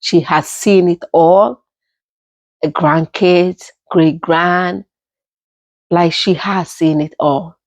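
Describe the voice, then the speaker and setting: Slow, gravelly woman storyteller. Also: lowish voice, dry recording. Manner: animated retelling with quoted voices and laughs. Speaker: storytime vlogger. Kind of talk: casual storytelling.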